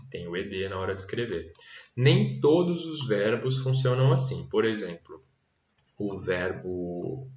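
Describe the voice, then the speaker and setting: Low-voiced man teaching English. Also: a bit bright, a little hiss or hum. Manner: slow, drawn-out English examples with Portuguese translations. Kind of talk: explaining a grammar lesson. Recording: echoey room, dull lo-fi sound.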